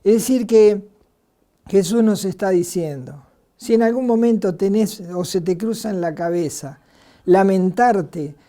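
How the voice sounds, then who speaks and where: An Argentine woman preaching a sermon in an earnest way, asking rhetorical questions and pausing on filler words. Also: medium pitch, mellow. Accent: Argentine Spanish.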